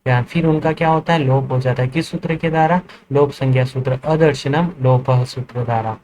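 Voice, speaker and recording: A man's voice: mid-range voice, fairly even intonation, brisk, a little mellow, low-quality recording. A man lecturing as a teacher, explaining step by step and answering his own questions. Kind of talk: classroom lecture.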